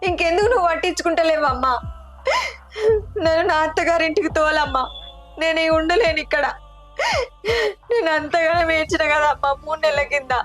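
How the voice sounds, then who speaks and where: A tearful young daughter, played by a woman, sobs and pleads in a high voice with a Telangana Telugu accent. Her manner turns reproachful as she weeps, and soft music plays faintly underneath. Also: fairly even intonation, moderate pace, long pauses. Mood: tearful pleading. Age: young adult. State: crying. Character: grief-stricken young married daughter pleading with mother.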